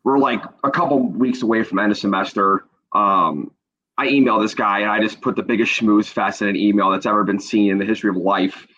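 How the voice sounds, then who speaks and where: A man's voice: fairly low pitch, fairly even intonation, fairly quick, a bit bright. Slightly muffled American guy telling stories. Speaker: podcast guest, youth hockey coach. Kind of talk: casual anecdote and banter. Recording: slightly dull, lo-fi audio.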